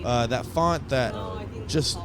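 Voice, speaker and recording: A man's voice: medium pitch, takes it slowly, crowd noise. A young man narrating his stadium tour video in a casual, enthusiastic, rambling way with lots of fillers. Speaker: vlogger giving a stadium tour.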